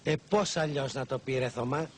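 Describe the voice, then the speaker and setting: An actor playing a chummy, preachy leftist office colleague in an old comedy film. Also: male voice, mid-range voice, husky, lightly acted. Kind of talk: 1980s film comedy acting.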